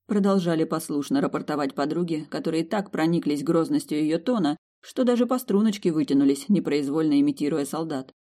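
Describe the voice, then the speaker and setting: A woman narrating a novel with a lively, expressive reading. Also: low voice, brisk, few pauses. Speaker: audiobook narrator. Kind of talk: audiobook narration.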